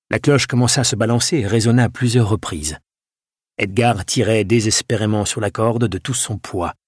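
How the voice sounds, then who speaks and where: A man reading a historical novel aloud in a steady storytelling voice. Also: lowish voice, slightly rough, no echo, clean studio sound. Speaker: narrator. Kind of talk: audiobook reading.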